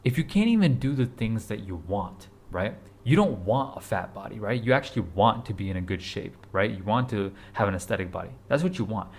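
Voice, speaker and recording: A man's voice: fairly low pitch, expressive, fairly quick, few pauses. A man in his twenties giving a casual motivational talk to camera, urgent and repetitive, blunt, with casual swearing. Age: 20s. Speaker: fitness vlogger.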